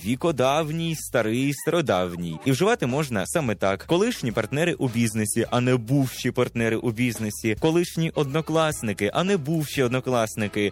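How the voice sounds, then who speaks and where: A man hosting a language segment, giving a scripted explanation in a measured way and clearly stressing syllables. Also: medium pitch. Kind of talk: scripted educational narration.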